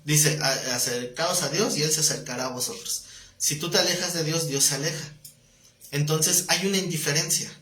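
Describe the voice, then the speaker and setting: A man's voice: fairly high pitch, moderate pace, pushed and bright. A man teaching a live Bible class, talking conversationally, quizzing his students and joking with them. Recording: echoey room, faint noise.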